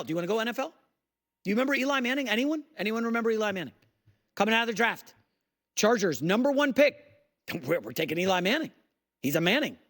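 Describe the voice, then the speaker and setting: A man's voice: sits high, fairly bright tone. A man hosting a sports talk show, worked up and sarcastic as he rants in a radio studio. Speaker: fill-in sports talk host.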